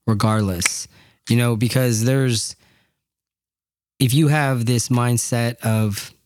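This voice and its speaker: A man's voice: medium pitch, fairly even intonation, takes it slowly, a little mellow, no echo, clean studio sound. A man co-hosting a podcast, talking in a candid, profane, rambling way. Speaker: podcast co-host. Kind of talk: casual chat.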